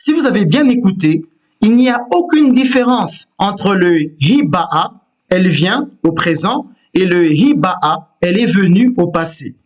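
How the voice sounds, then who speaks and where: A Hebrew teacher with a high-sitting voice and lively intonation patiently explains word stress at an unhurried pace, demonstrating every pronunciation himself. The sound is tinny, like a phone recording.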